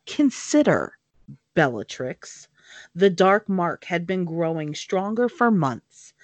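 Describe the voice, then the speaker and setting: A cold, smooth male dark wizard, read by a woman with slow, deliberate, disdainful delivery. The voice is fairly low and sits dry and close. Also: sing-song, no room sound. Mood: measured.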